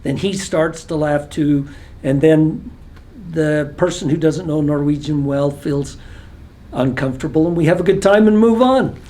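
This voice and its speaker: High-voiced American man telling stories. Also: unhurried. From United States. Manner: relaxed and chatty, with frequent fillers and laughs. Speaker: vlogger. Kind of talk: casual storytelling.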